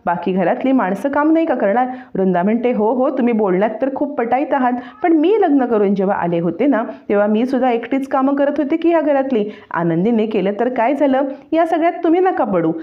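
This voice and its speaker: A woman narrating a television serial recap as a story, voicing each character's lines in turn with animated delivery. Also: on the high side, fairly quick, hardly any pauses. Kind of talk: dramatic story retelling with voiced dialogue. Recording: dull lo-fi sound.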